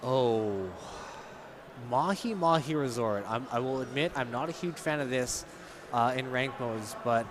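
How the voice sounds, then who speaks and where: A man's voice: medium pitch, measured pace, crowd noise. A man doing live esports commentary, chatty and explaining game mechanics with a laugh.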